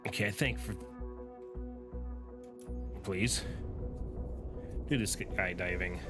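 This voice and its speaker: Tired low-voiced man rambling over game music. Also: takes it slowly. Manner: rambling, thinks aloud with fillers. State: tired, yawning. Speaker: gaming streamer. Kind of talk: casual gameplay commentary.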